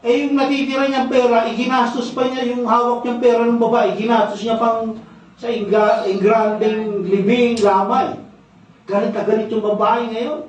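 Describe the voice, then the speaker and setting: A high-pitched man preaches in a church, heard from well back in a very reverberant hall. The sound is dull and muffled. He repeats phrases and keeps checking in with a questioning "no?". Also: little pitch movement, moderate pace, slight background noise. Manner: storytelling, repeats key phrases. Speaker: pastor. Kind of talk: sermon. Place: church sanctuary, indoors. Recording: very echoey hall, distant dull mic.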